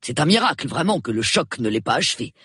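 A man voicing a tall, restless, arrogant gentleman in a storybook reading. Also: a little high, sing-song, quick pace, breathy edge, dry recording, studio quality, exaggerated voice. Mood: agitated.

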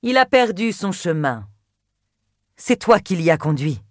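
Woman reads a quietly stubborn young man, near her own voice, slow and even, dry. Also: fairly low pitch, dry recording. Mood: calm. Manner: calm, quiet, firm.

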